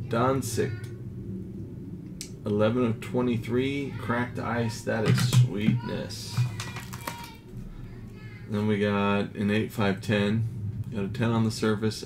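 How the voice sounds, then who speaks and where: A man casually narrating as he reveals graded trading cards, reading out each grade in a low-key, unhurried way. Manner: slow, low-key commentary, grades read in a flat list. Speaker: card collector. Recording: audible background noise.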